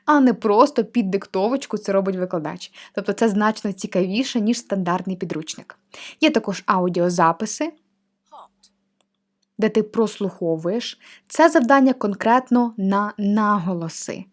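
Woman calmly explaining a learning platform. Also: mid-range voice, moderate pace. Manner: friendly, explains step by step. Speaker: language teacher reviewing a course platform. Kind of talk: screen-share walkthrough of a textbook.

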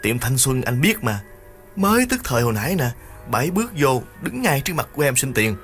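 A man voicing a frightened young man who whimpers and pleads in a shaky voice, with soft music behind. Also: medium pitch, big pitch swings, fast talker, pitched above the performer's own voice. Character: frightened young man, a small-time thief begging.

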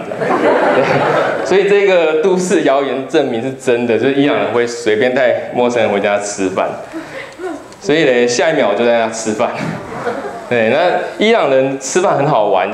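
A man in his thirties from Taiwan with a Taiwanese Mandarin accent, giving a chatty, joking talk to an audience. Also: medium pitch. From Kaohsiung, Taiwan. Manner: chatty storytelling, jokes with the audience. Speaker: public lecturer, travel writer. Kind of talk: humorous public talk with slides. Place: lecture hall. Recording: roomy hall with faint background noise.

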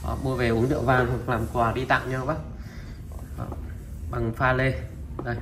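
A man of middle pitch presents second-hand Japanese wares one after another and opens almost every sentence with the same pointing word. He speaks to his viewers familiarly and pauses with filler sounds as he goes. Dishes and cutlery clink in the noisy background. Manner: steady, repetitive, opens nearly every line with a pointing word. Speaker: seller of used Japanese goods. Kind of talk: product showcase sales talk.

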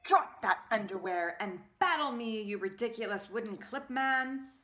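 Lady doing a pompous rock warrior from a kids book, loud and forceful, picking fights. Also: fairly high pitch, lively intonation, normal speed. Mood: challenging, bombastic. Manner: loud, declamatory challenges. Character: bombastic rock warrior, male, hungry for battle.

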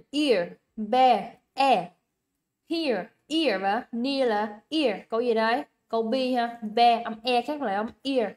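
A young teacher with a fairly high voice and a Vietnamese accent hosts a livestream English exam review. She's chatty and coaxing, repeating words and checking that students can keep up.

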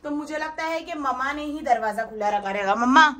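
A woman's voice: high-pitched, a little fast, pushed and bright. A woman complaining to her viewers about a stolen carpet and pressing her husband, in a casual home vlog. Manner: complaining, insistent, addresses viewers. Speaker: vlogger.

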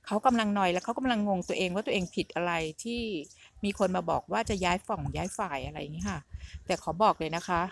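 A woman's voice: medium pitch, vocal fry. A middle-aged woman vlogging in a casual, rambling storytelling style, often repeating herself as she talks.

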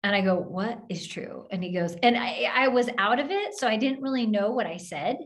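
A woman minister tells a story at an open forum, animatedly acting out the voices of the people in it. She speaks at a moderate pace with a medium-pitched voice.

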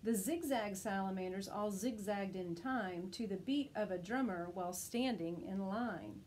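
A woman's voice: medium pitch, measured pace, a little hiss or hum, poor audio. A woman teacher reading a rhyming children's picture book aloud, lifting her voice for the characters. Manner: expressive rhyming storytelling, lifts her voice for quoted characters.

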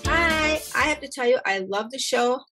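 A woman's voice: high voice, expressive, moderate pace, over music. A woman interviewer asking questions in a casual chat, full of enthusiastic praise.

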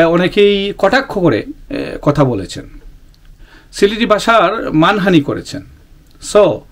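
A man from the Sylhet region of Bangladesh hosting his own channel, talking earnestly to viewers in a casual monologue, pausing often with fillers and restarting his sentences. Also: on the high side. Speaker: YouTube channel host.

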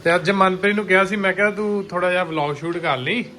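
A man's voice: sits high, fast, bright, forceful tone, slight background noise. A man with a Punjabi accent and a cold, chatting casually as a family vlogger in a teasing, questioning manner. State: has a cold. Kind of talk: casual chat to camera and to a child.

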